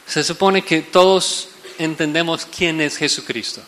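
A male pastor preaching a sermon, emphatic, rising to loud stressed words and dropping to hushed low lines. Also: a little slow, in a large hall.

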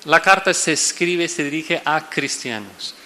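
A male preacher delivers a sermon in a high, bright voice that carries a long reverb from a large hall. He preaches emphatically, leaning hard on key words and then dropping to quiet, low-pitched lines. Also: lively intonation, a little slow. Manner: emphatic preaching, swinging from loud stresses to hushed low lines. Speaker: pastor.

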